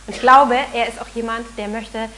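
A woman preaching a sermon in an earnest, animated way, sometimes acting out the voices she quotes. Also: on the high side, brisk, a little hiss or hum, low-quality recording.

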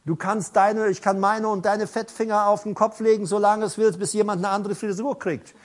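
High-voiced man preaching a personal sermon. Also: normal speed. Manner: animated, personal storytelling with stammers.

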